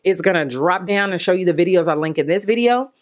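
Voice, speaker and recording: Young adult female beauty vlogger, lower-pitched, playful sing-song chat on a handheld mic. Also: lively intonation, fast talker. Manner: playful, sing-song, jokes and breaks into rhymes. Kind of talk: casual chat.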